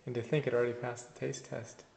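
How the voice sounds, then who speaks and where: A man's voice: medium pitch, flat delivery, fast talker, gravelly. A man filming a home cooking video, dropping dry, teasing remarks from behind the camera. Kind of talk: joking asides from behind the camera. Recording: roomy kitchen with loud hiss.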